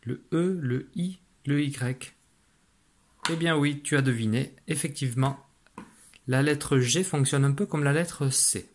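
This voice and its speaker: A man teaching French letter sounds to young children in a patient, encouraging way, slowly spelling out letters and syllables and praising the listener. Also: mid-range voice, slight background noise. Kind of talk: phonics lesson for young children.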